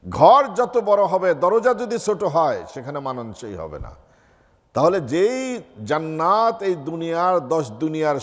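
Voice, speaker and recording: In a large mosque hall, a male mufti with a fairly high voice delivers a sermon. He asks his listeners rhetorical questions and recites Arabic before explaining it.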